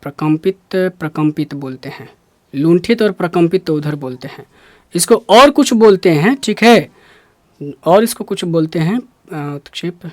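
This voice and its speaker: A man with a Bihari Hindi accent teaching a Hindi pronunciation lesson, explaining step by step and repeating sounds slowly. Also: high-pitched, a little mellow, no room sound.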